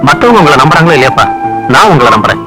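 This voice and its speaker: An encouraging patron; brisk, animated, heavy score. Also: male voice, a little high, low-quality recording. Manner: earnest, encouraging. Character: kindly older patron encouraging young men. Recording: film soundtrack with loud music.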